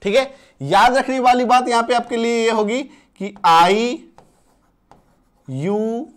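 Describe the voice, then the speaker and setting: A man's voice: extremely high pitch, takes it slowly, a bit bright. A male English grammar teacher explaining rules in a Hindi-medium lesson, repeating each point and often checking that students follow. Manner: reassuring, plain explanations.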